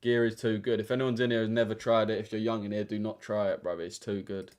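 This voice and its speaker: Jeune homme à l'accent de l'Essex, bavard, voix un peu grave. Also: male voice, on the low side, level tone, quick pace, darkish tone. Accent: Essex English. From Essex, England. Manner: slangy, chatty, addresses chat directly. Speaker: trading livestreamer. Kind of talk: casual livestream chat.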